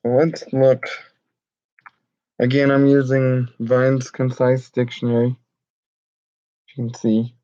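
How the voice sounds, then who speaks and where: A man reading and explaining Bible verses in an informal, halting way with many fillers and restarts. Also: medium pitch, warm tone, dry recording. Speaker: Bible study teacher. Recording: dull lo-fi home recording.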